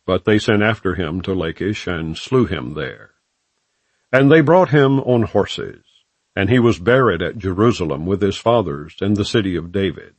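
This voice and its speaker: This audiobook narrator, a man with a low voice, reads scripture in a formal, solemn manner. His phrasing is measured while his pitch moves in a lively way, and the sound is close and dry, free of any room echo.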